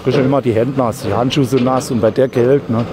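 Joking worker outdoors. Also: male voice, mid-range voice, fairly even intonation, quick pace. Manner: chatty, joking. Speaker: demolition worker. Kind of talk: casual chat. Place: outdoor demolition site. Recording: outdoor noise with traffic.

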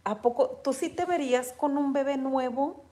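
A woman with a Mexican accent chatting casually with her viewers, retelling stories in an animated way and reading their comments aloud. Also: high voice, normal speed.

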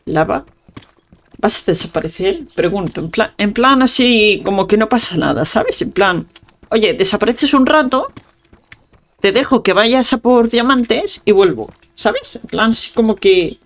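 A woman's voice: fairly high pitch, lively intonation, moderate pace. A woman with a Spain Spanish accent giving casual, playful gameplay commentary, chatting to her viewers and muttering little sound effects as she plays. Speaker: gaming channel host.

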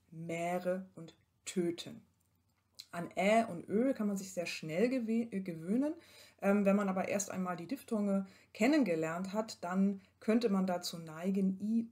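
A woman lecturer giving a recorded lesson, reading verse with careful expression and then explaining calmly with some pauses. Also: on the low side. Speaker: university lecturer.

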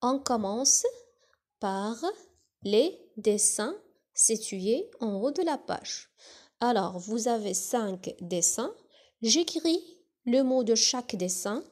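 A woman teaching a phonics lesson to young children, spelling out letters and syllables one by one in a slow, deliberate way. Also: a little high, expressive, darkish tone. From Morocco. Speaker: primary school teacher.

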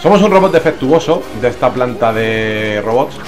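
Male gamer, Spain accent: slangy, exclamatory casual commentary with lively pitch swings over game music. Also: moderate pace. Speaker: gamer, let's play host. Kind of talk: casual let's play commentary.

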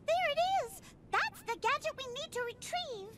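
A woman's voice: very high voice, expressive, normal speed, a bit bright, slight background noise. An actress voicing a proud young mouse queen who speaks in a prim, dignified way in a game. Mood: regal.

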